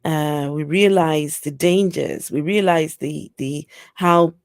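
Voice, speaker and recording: A woman from Africa hosting a casual interview chat, talking in a slow, reflective way with many fillers. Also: low voice, darkish tone, no echo, clean studio sound. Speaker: host.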